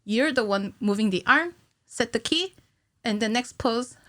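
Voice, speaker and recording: A slightly high, somewhat bright voice with lively intonation belongs to a cinematic animator who, as a podcast guest, explains her technical work in halting fashion. The casual interview takes place in a small curtained indoor studio, recorded dry through a boom-arm studio mic while she wears headphones.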